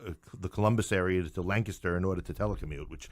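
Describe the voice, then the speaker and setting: A middle-aged English professor from New York City, appearing as a podcast guest, tells animated anecdotes in a deep voice at a racing pace, often restarting his phrases. The conversational recording is dry and close, with no room sound.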